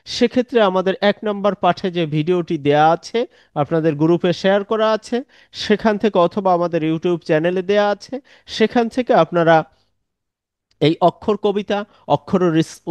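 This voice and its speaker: A man's voice: high-pitched, a little mellow, clean tone, dry recording. A man teaching an online Quran recitation lesson, patiently explaining where each letter is pronounced and drilling the sounds one by one.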